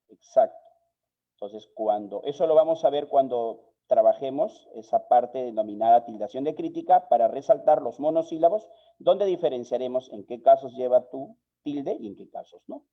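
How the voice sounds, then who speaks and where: Man, Peruvian Spanish accent, online instructor, measured explanations, slightly dull lo-fi audio. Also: mid-range voice. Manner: measured, explanatory, asks viewers questions. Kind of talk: live online spelling lesson.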